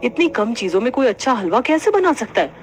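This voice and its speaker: A woman voicing a patient young daughter-in-law and mother in an animated family story, gentle and polite. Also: a little high, fairly quick.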